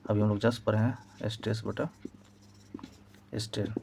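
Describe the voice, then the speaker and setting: A man's voice: fairly low pitch, little pitch movement, a little slow, gravelly, noisy background. A man teaching an exam-prep physics lesson, explaining step by step and repeating key points. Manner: repetitive, explaining step by step while writing.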